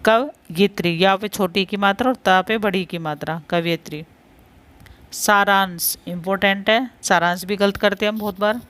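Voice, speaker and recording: A woman's voice: mid-range voice, normal speed, few pauses. A woman teaching a Hindi spelling lesson. She says each word, repeats it, and patiently points out which ones are important.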